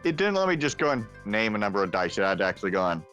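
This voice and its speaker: A man's voice: lowish voice, sing-song, very fast, a bit bright, soft background music. A man playing a tabletop game, chatting casually over voice chat and hedging as he rambles. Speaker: player.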